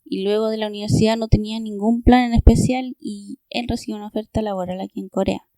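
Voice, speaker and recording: Brief: mellow female interview guest, calm and matter-of-fact, dry close sound. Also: medium pitch, fast talker, dry recording. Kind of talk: conversational interview answers.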